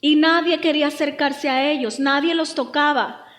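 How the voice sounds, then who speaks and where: A woman pastor preaching a lively, humorous sermon. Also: high voice, normal speed, reverberant. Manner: lively, humorous, acts out quotes.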